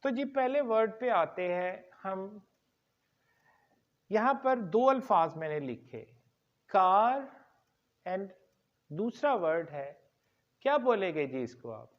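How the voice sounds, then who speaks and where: In a classroom lecture on English pronunciation, a man explains slowly, repeats each word and asks his learners questions. His high-pitched voice swings widely in pitch, and the recording is muffled.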